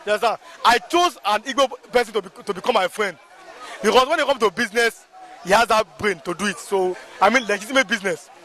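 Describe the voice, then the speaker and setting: Against some background chatter, a man with a Nigerian Yoruba accent speaks as a local movement spokesman in an impassioned street interview. His voice sits high, quick and sharp, and he is emphatic and repetitive, often checking "you understand?"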